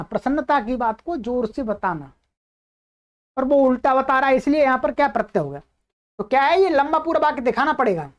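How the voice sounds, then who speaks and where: Female grammar teacher, high bright pitch, patient step-by-step explainer who reads forms slowly and repeats them. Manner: explains step by step, often asks and answers her own questions. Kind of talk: recorded online lesson.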